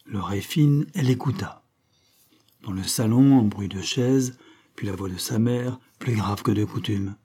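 A man narrating a classic novel as an audiobook reader, in a measured literary reading. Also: lowish voice, warm tone, husky. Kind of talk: scripted narration.

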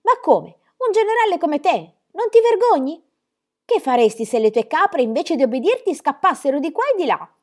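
A woman reading aloud plays a gruff old grandfather in a storybook, stern and emphatic as he lectures a boy. His voice rises and swoops with a lively, lilting pitch. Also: normal speed. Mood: scolding. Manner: scolding, emphatic. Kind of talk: audiobook reading.

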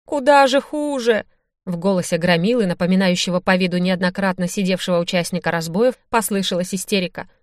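A woman narrating a first-person audiobook in an expressive, dramatic way. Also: fairly low pitch, quick pace, few pauses, no echo, clean studio sound.

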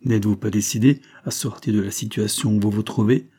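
A man voicing a tense, brusque police agent who speaks hard and urgent, raising his pitch above his narrating voice. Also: steady tone, fairly quick, warm tone, husky. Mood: brusque, intense.

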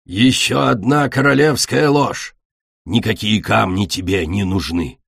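A man voicing a harsh, bitter female dragon in a storybook reading, with a low, cold, husky delivery. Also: measured pace, a bit bright, dry recording, studio quality, full character voice. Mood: angry. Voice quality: gruff, cold.

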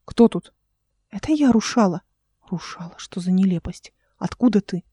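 A woman's voice: medium pitch, animated, moderate pace, dark tone, slightly rough, no echo. A woman voicing a stern captive noblewoman who speaks curtly and commandingly. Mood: sharp. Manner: curt, commanding. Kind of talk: audiobook character voice.

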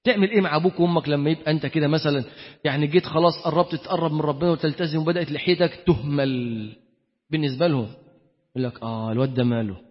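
Fast, high-voiced Egyptian preacher. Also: male voice. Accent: Egyptian Arabic. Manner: animated, emphatic, swings between loud and quiet. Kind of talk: colloquial sermon. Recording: dull lo-fi sound with long hall reverb.

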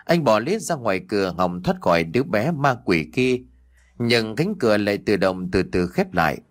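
A man narrating a ghost story in a dramatic, expressive storytelling manner. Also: on the low side, normal speed.

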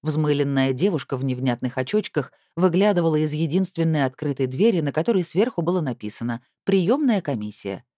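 A woman narrating a first-person story in a lively, wry storytelling manner. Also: sits low, fast, few pauses, no room sound, studio quality.

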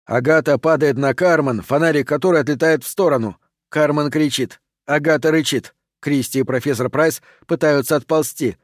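A man narrating a horror audiobook in an even, steady reading voice. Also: on the high side, moderate pace, no echo, studio quality.

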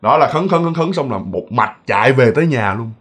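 A man's voice: mid-range voice, lively intonation, a little fast, fairly bright tone, slightly rough. A man with a Southern Vietnamese accent telling ghost stories in a chatty, repetitive way, talking straight to his listeners. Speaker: ghost story narrator. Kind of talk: casual storytelling.

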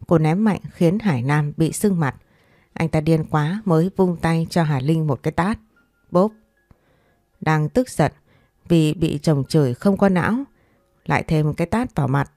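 Low-voiced woman telling a family drama, soft dark tone, dry close sound. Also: expressive, normal speed, no room sound, soft background music. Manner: reads all characters in a near-plain voice. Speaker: storyteller. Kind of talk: scripted story narration with dialogue.

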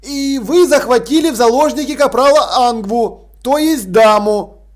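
A man voicing a calm and very polite male watch officer, speaking courteously. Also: very high-pitched, unhurried, voice pushed up.

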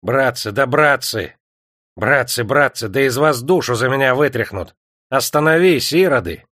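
A man's voice: fairly high pitch, animated, moderate pace, a bit bright, dry recording, clean studio sound, pitched above the performer's own voice. A man voicing a boastful male factory clerk who turns frightened and pleading. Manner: pleading, wailing.

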